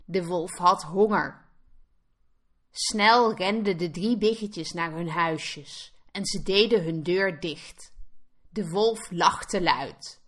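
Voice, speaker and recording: A woman teacher reading a fairy tale aloud slowly and clearly for language learners. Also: lowish voice. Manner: clear, expressive read-aloud. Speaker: Dutch teacher. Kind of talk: slow storybook narration for learners.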